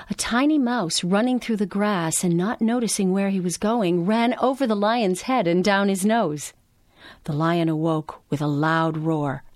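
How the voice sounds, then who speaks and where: A woman narrating a fable in a measured, expressive storytelling voice. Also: on the low side, no room sound, studio quality.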